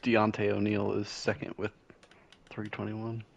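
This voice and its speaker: Gravelly young man on muffled mic. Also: lowish voice, completely flat delivery, measured pace. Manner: gloating, laughing at friends' stats. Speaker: online league player. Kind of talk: casual gaming chat.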